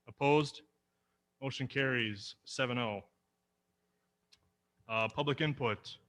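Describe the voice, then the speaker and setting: A man chairing a school board meeting, reading procedural items in a brisk, businesslike way. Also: medium pitch, a bit bright.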